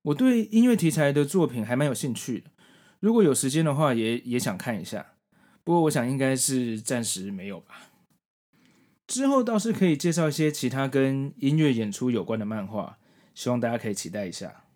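A man in his forties with a Taiwanese Mandarin accent hosts a podcast, reviewing manga in conversational narration. His medium-pitched, somewhat dark voice is very animated and a little fast.

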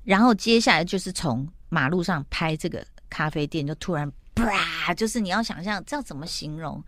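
A woman's voice: lowish voice, animated, moderate pace, a bit bright, no echo, studio quality. A middle-aged woman host in casual chat, animatedly retelling a TV plot and acting out the quotes.

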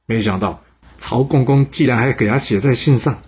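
A man's voice: medium pitch, moderate pace, darkish tone, breathy edge, highs cut off. A man telling history stories in a chatty podcast, with asides to the listener. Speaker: podcast storyteller. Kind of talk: casual history storytelling.

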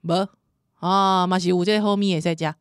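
A woman's voice: lowish voice, normal speed, clear, resonant tone, dry recording. A pregnant woman in her thirties with a Taiwanese accent, co-hosting a casual podcast chat, telling stories with lots of laughter and switching into Taiwanese. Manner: laughs often, animated storytelling, slips into Taiwanese. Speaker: podcast co-host.

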